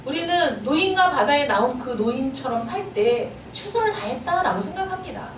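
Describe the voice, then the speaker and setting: Woman pastor preaching, really high voice, lots of earnest questions, sounds kinda far off in a big echoey church. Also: big pitch swings, normal speed, slight background noise. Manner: earnest rhetorical questioning of the congregation. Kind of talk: sermon. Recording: echoey room, voice a bit far from the mic.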